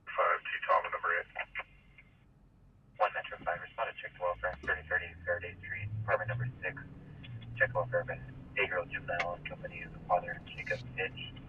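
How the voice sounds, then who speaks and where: A terse male dispatcher comes through a police radio, his very deep voice barely rising or falling. The transmission sounds distant and muffled. Heavy static hisses behind every clipped code. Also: little pitch movement, a little fast, long pauses. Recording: muffled noisy scanner radio from afar.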